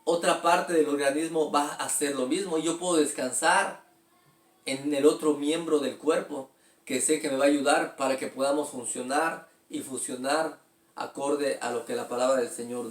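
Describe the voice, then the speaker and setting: A man's voice: on the high side, echoey room, recorded from a distance. A man preaching a sermon, reading scripture aloud and explaining it with rhetorical questions. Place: church hall.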